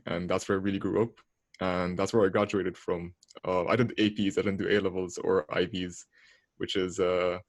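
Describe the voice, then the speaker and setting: A man's voice: low voice, a little mellow, dry recording. A young man speaking as a panel guest in a hesitant casual way, often restarting. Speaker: panel guest, medical student. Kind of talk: casual chat.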